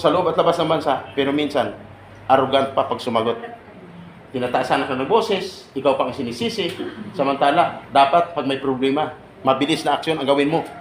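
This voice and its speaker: A man giving an earnest seminar talk to an audience, often checking in with rhetorical questions. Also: a little high. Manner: earnest, rhetorical, keeps asking "no?" and "tama?". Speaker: OFW assistance advocate. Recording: echoey room with faint background noise.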